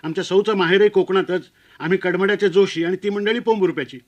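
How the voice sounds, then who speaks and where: A man's voice: high-pitched, fairly even intonation, fast talker, lo-fi sound. A man telling a comic story of his own wedding in a wry, self-mocking way.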